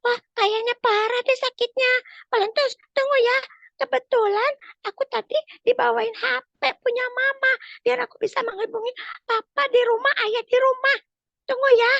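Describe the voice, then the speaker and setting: Aulia, a squeaky little girl. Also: steady tone, moderate pace, gravelly, a bit bright, no echo, highs cut off, exaggerated voice. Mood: caring. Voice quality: squeaky high childlike voice. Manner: earnest, chatty, talks to the young audience. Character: sweet, earnest little schoolgirl. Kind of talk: storytelling for children.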